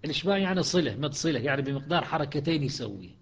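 A man with an Iraqi accent teaching a class on Quran recitation, patiently explaining and slowing down to recite verses. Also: a little high, animated, creaky, husky. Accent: Iraqi Arabic. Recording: dull lo-fi recording.

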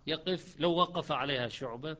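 A man teaching the variant readings of the Quran, chanting verses slowly and then explaining them in quick speech. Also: fairly high pitch, pushed and bright.

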